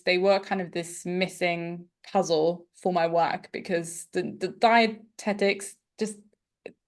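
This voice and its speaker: A woman from Austria with a light Austrian accent, hosting a podcast interview and speaking gently and thoughtfully with soft fillers. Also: lowish voice. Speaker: podcast host, yoga teacher and dietitian.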